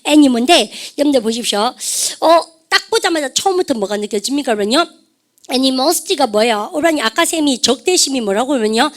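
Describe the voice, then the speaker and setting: A woman teaching English vocabulary to a class, lively and chatty, often calling out to her students and drilling English words aloud. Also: sits high, fairly quick. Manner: lively, repeats "여러분들", asks the class questions; refers to herself as "쌤". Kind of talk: lecture to a class.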